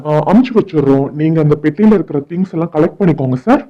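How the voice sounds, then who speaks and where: Brief: patient male cartoon officer boss, slightly high voice , played by a man. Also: lively intonation, rapid-fire, muffled recording. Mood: calm. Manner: instructing, patient.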